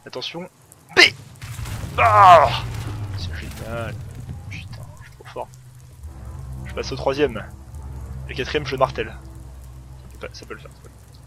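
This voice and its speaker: A man's voice: mid-range voice, normal speed, pauses often, soft background music. A man hosting a gaming video, giving casual gameplay commentary in a rambling way full of fillers and self-corrections.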